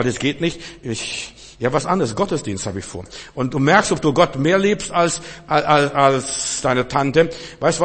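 A man preaching a sermon, emphatic, swinging between loud exclamations and hushed asides. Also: medium pitch, husky. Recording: long reverb of a large hall.

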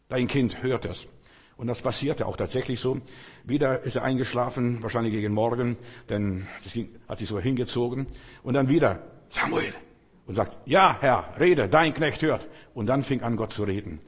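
Husky-voiced preacher in a reverberant hall. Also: male voice, mid-range voice. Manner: retells Bible scenes with acted voices, calling out loudly. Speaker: pastor. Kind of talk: sermon.

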